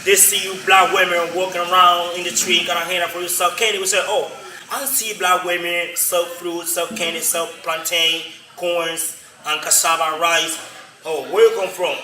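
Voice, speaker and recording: A man from Colombia with a Colombian Spanish accent, explaining his community's history as a local guide in halting, repetitive English. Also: high voice, level tone, sharp tone. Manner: halting non-native English, repetitive, frequent "you know?". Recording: roomy, distant from the mic, faint noise.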